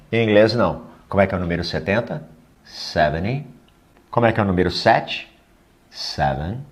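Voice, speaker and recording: A male English teacher with a Brazilian Portuguese accent, his pitch swinging widely as he speaks. He drills each word slowly and clearly, then slips in a light joke for his learners. His tone is animated and full of movement, a classroom voice. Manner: lively, repeats words slowly for drill, jokes with learners. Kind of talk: recorded English lesson.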